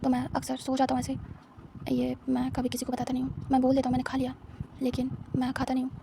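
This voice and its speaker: A woman voicing a lonely, wealthy young husband who speaks softly and teasingly to his partner. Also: sits high, completely flat delivery, fast talker, gravelly, background noise. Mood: tender.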